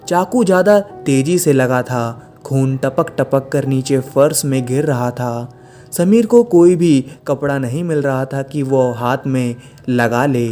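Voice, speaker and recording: A man's voice: mid-range voice, mellow. Male horror story narrator. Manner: direct address to listeners.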